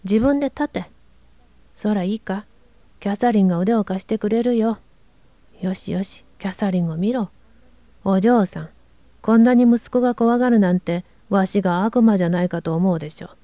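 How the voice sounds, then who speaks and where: A woman's voice: mid-range voice, normal speed, dark tone, no echo, natural voice. A woman reading aloud, voicing a harsh, domineering middle-aged father who barks orders. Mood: gruff. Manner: gruff, barking orders.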